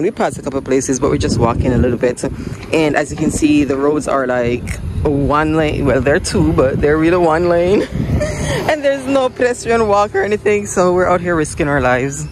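A travel vlogger chats casually to the camera, her low voice upbeat as she calls her viewers "you guys" while strolling streets and sitting in small cafes. Loud music plays over her, leaving the background noisy.

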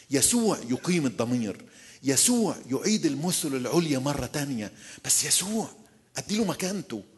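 A man's voice: medium pitch, breathy edge. A man preaching a sermon in an Egyptian accent, repeating key phrases and putting rhetorical questions to his listeners. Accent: Egyptian Arabic. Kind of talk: sermon at a church retreat.

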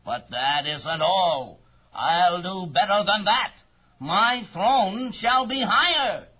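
A man's voice: sits high, sing-song, takes it slowly, lo-fi sound, over music, full character voice. A man playing a pompous, boastful turtle king in a children's story, grandiose, bellowing and imperious. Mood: angry, domineering. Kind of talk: theatrical children's story acting.

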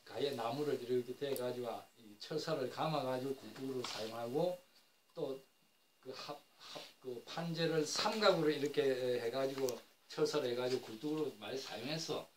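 An older man with a medium-pitched voice lectures at a normal speed on traditional floor heating, rambling, correcting himself and using lots of fillers. He's in a lecture room, captured from a distance in an echoey space with faint noise.

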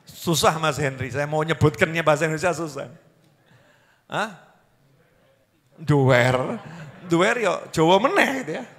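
High, bright-voiced preacher. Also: male voice, normal speed, long pauses. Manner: emphatic, repetitive, rising to loud exhortation. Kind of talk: sermon. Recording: echoing hall reverb.

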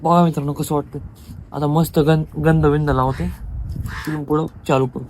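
A man's voice: a little high, little pitch movement, normal speed, a little mellow, slight background noise. Chatty young man vlogging outdoors. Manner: chatty, addresses viewers as friends. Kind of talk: casual vlog chat. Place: rural farmyard and fields, outdoors.

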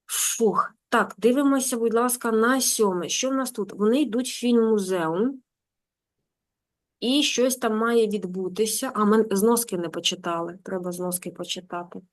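A woman teaching German online. She reads a story aloud slowly and translates it with quick explanatory asides. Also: on the high side.

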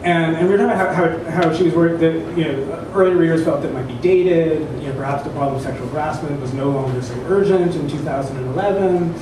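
A man in his thirties or forties gives an informal spoken introduction to a literary reading before an audience, halting and digressing as he searches for words. His voice is a little high. He stands at a microphone in an indoor event room, but it picks him up from a distance, so the sound is echoey, with clear background noise.

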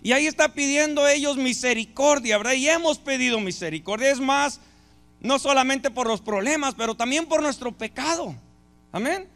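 A man's voice: very high voice, normal speed, a bit bright. A male pastor, preaching a sermon and asking the congregation rhetorical questions.

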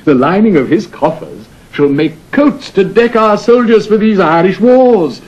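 A man's voice: animated, unhurried, darkish tone. An actor playing a haughty, mocking young king in a declamatory, classical Shakespearean audio drama style. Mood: gleefully callous. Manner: declamatory, crisply theatrical, sardonic. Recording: dull vintage 1960 recording, faint rumbling hiss.

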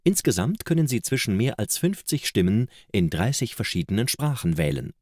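Male product video narrator: deep, animated scripted promotional read, close and dry. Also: moderate pace, no room sound. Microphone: close studio voice-over microphone.

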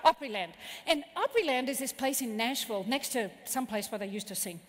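A woman with a high, lively voice delivers a motivational keynote, swinging through playful stories and coaching the crowd. Her voice carries a long reverb from a big conference hall. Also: fairly quick. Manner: animated, playful, storytelling. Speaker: motivational speaker. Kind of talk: keynote speech to a live audience. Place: large conference venue.

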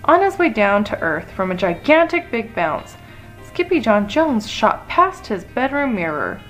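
A woman storyteller giving an expressive read-aloud of a children's picture book. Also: a little high, measured pace, faint music behind, poor audio.

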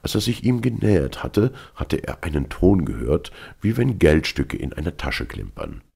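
A man reading a classic novel aloud in measured literary narration. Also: deep voice, big pitch swings, vocal fry, darkish tone, breathy edge. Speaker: audiobook narrator. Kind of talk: scripted narration.

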